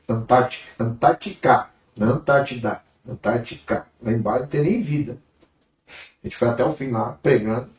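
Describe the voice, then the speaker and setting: A man with a Brazilian accent, a preacher telling a testimony in an interview, acting out the dialogue. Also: medium pitch. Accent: Brazilian Portuguese. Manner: animated storyteller acting out dialogue. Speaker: traveling preacher. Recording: distant mic, roomy, dull sound.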